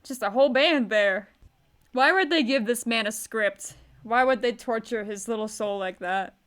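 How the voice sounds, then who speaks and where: A woman's voice: fairly high pitch, moderate pace, fairly bright tone, clean tone. A woman co-hosting a podcast in casual chat, with wry quips and easy laughter. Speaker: podcast co-host.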